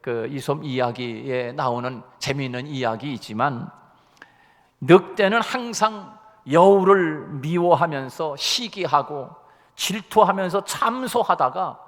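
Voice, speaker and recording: A man preaching in a church, telling a fable with lively, slowed emphasis. His voice sits a bit high, and a long reverb fills the sanctuary. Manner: storytelling, animated with slowed emphasis. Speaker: pastor. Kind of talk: sermon.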